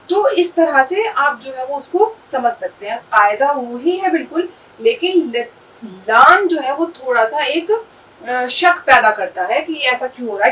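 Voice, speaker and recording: A woman's voice: high-pitched, fairly bright tone, far from the mic, rough recording. A woman teaching Urdu at a whiteboard, patiently repeating and spelling out words for her students. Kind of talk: explaining at a whiteboard.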